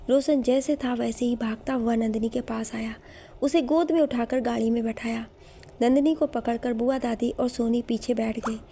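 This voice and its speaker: Woman narrator, emotional storybook reading, gentle, fairly high voice. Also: slight background noise.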